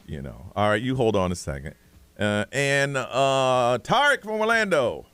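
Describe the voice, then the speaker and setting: A man hosting a morning radio call-in show, playful and animated with callers. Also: medium pitch, a little slow, clean tone, no room sound. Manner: lively, playful, shouts catchphrases. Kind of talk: casual call-in chat. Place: radio studio.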